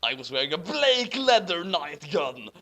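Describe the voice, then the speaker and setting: Over a loud crowd, a man reads fan fiction aloud and comments on it, amused, incredulous and mocking, breaking into laughter at the text. His fairly high-pitched voice is very animated, at a moderate pace.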